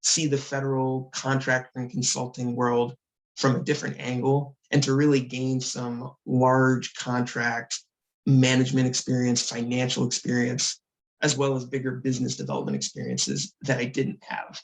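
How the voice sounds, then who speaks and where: A man speaking on a panel about his career, in a reflective, measured way. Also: mid-range voice, low-quality recording. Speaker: panelist, consultant. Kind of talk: panel discussion.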